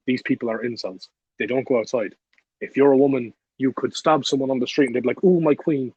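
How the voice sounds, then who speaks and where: A man's voice: mid-range voice, steady tone, fast, darkish tone, husky, dry recording. A young man in his late teens, a podcast guest telling a story casually, blunt and profane, laughing as he talks. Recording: dull lo-fi, dry recording.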